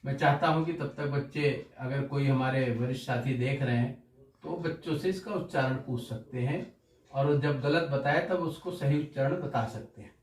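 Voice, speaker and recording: Male teacher sounding out letters one at a time, slightly high voice, mic far off, echoey room. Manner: slow, deliberate syllable-by-syllable drilling. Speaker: Hindi teacher. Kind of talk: classroom-style pronunciation lesson. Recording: roomy, distant mic.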